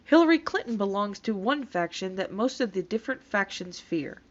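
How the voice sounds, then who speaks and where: A woman's voice: medium pitch, expressive, moderate pace. A woman reading comments aloud in disbelief and adding casual, sarcastic, scoffing commentary with plenty of swearing. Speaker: YouTube commentator reacting to comments. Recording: dull, lo-fi sound.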